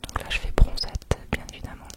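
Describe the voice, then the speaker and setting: A woman whispering a chatty, rambling ASMR travel vlog, quiet and gentle as if at night. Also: a little fast. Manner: chatty, rambling, informal with repeated words. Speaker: vlogger.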